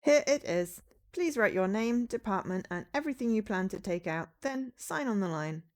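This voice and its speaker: A calm, polite male android keeps order in a warehouse, as a woman puts him on. His speech is smooth, even and mechanical, like text read out by a voice synthesizer. It is heard in a read-aloud of a story game. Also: medium pitch, normal speed, close to an everyday voice. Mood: flat. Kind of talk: reading a visual novel aloud with voices.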